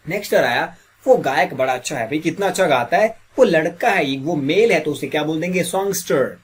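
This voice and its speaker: Husky-voiced man teaching English. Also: fairly high pitch, expressive, normal speed. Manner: quizzes listeners with repeated questions, clears throat often. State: slightly sore throat. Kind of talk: classroom grammar lesson.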